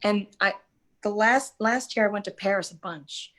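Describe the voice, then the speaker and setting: Speaking at a moderate pace, this woman has a medium-pitched, fairly bright voice. She's a jazz singer in her twenties chatting casually as an interview guest, her speech full of fillers and restarts.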